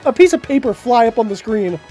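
A man's voice: very high voice, expressive, brisk, warm tone, soft background music. A man co-hosting a let's play in a sarcastic, playful way. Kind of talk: casual gameplay commentary.

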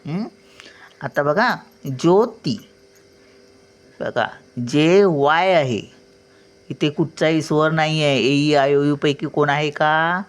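An older woman teaching at home, spelling out letters one by one and checking often that the learner follows. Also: low-pitched. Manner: patient, spells out letters and sounds words slowly. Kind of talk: home writing lesson.

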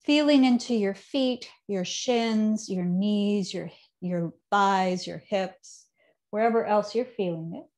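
A thirty-something woman leads seated yoga from home, her medium-pitched instructions calm, unhurried and softly trailing at the ends. The sound comes from a camera set some way off in the living room.

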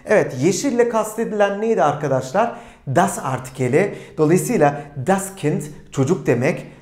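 A man giving a slow, deliberate grammar lesson and putting questions to his students. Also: high-pitched, animated, a little mellow, reverberant. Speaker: German teacher. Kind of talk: classroom-style grammar lesson.

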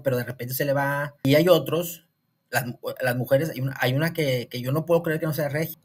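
A man from Monterrey with a northern Mexican accent, talking through a series review in a casual, rambling way, full of restarts and "o sea". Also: on the high side.

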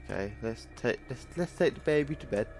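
A man's voice: mid-range voice, animated, brisk, vocal fry, a little mellow, faint music behind. A man streaming a horror game, reacting jumpily and swearing constantly as he plays. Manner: swears a lot, jumpy reactive outbursts. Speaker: gaming streamer. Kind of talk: horror game let's play commentary.

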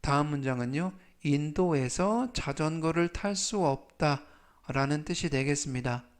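A man with a Korean accent gives a vocabulary lesson in a slightly high voice. He speaks very slowly and deliberately, saying each word three times with careful, clear enunciation. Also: animated. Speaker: English vocabulary teacher.

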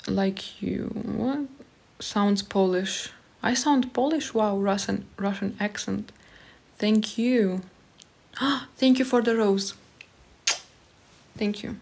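A woman's voice: medium pitch, takes it slowly, creaky, pauses often, darkish tone. A young woman in her twenties from Moldova, with a Moldovan accent, whose first language is Romanian. She chats casually on a live stream from a small room at home, reading viewers' comments aloud and answering them. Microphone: phone held close at arm's length.

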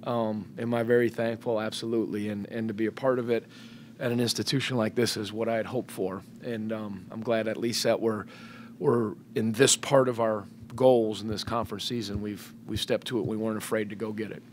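Fairly low in pitch and a little mellow, this man's voice moves fairly quickly with fairly even intonation, over slight background noise. He is a middle-aged head basketball coach answering post-game press conference questions into a table microphone, thoughtful and prone to fillers and restarts, in a press room before a sponsor backdrop.

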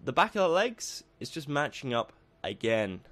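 A man with a croaky, mid-range voice narrates a building tutorial as a voice-over on game footage, upbeat and lively, slowing down whenever he lists the steps.

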